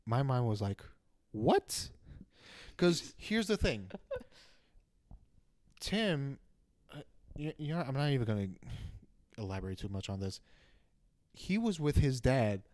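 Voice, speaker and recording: A man's voice: medium pitch, no echo. Young guy ranting about a movie twist, keeps restarting, dry close mic. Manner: animated, rambling with restarts. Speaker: podcast co-host. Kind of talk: casual chat.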